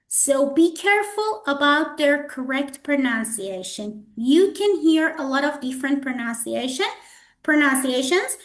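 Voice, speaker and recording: A woman's voice: high voice, fairly bright tone, echoey room. A woman trainer lecturing students in a classroom, repeating herself and checking in with "okay?" and "guys". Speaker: hospitality trainer.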